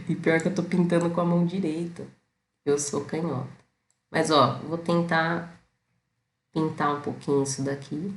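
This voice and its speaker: Her voice is deep, fairly even in intonation and measured, with long pauses, heard in an echoey room. She's a Brazilian self-knowledge channel host casually telling viewers a story, regularly checking in with tag questions.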